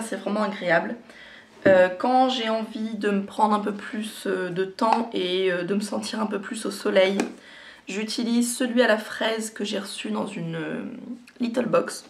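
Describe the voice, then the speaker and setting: A woman chatting casually to viewers as a beauty vlogger, her voice a little cracked and hoarse, as if it is giving out. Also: medium pitch. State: slightly hoarse, cracked voice that gives out. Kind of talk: casual product chat to viewers.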